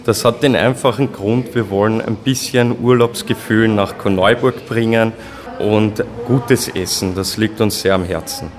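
A man's voice: on the low side, fairly even intonation, unhurried, in a large hall. A young man, a restaurant owner plainly explaining his concept in an interview. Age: young adult. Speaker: restaurant owner and head chef. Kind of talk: casual interview answers. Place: restaurant dining room.

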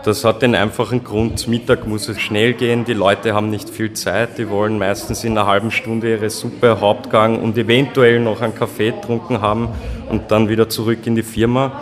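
A man's voice: on the low side, little pitch movement, moderate pace, long reverb tail. A young man, a restaurant owner plainly explaining his concept in an interview. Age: young adult. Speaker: restaurant owner and head chef. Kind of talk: casual interview answers. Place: restaurant dining room.

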